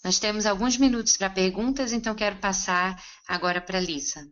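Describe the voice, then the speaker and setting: A woman interpreting a seminar consecutively, relaying each line in a steady, conversational way. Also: mid-range voice, a little fast, clean tone, muffled recording.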